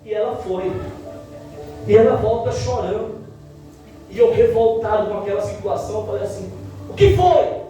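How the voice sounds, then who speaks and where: A male pastor from Ceará, preaching a testimony sermon and acting out dialogue with dramatic slowdowns. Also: high voice, animated, dark tone, distant mic, faint music behind. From Ceará, Brazil. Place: church. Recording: echoey church hall, mic from afar.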